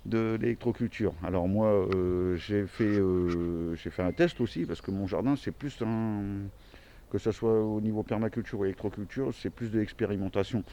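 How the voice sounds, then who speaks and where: Deep-voiced man in his forties, rambling outdoors. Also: moderate pace, warm tone, a little hiss or hum. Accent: central French regional. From France. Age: 40s. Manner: rambling, many fillers and restarts. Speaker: gardening YouTuber. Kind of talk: casual self-introduction video. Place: outdoors in a small vegetable garden.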